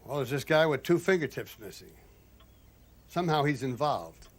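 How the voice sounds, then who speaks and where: A man's voice: mid-range voice, animated, moderate pace, natural voice. An actor playing an irrepressible older father on the run, American accent, insistent and wisecracking, in a comic film.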